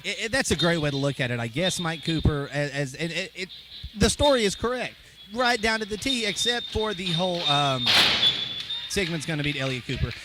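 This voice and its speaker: Male play-by-play wrestling commentator, high voice, very noisy venue recording. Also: animated, brisk. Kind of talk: live match commentary. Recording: loud venue noise behind voice.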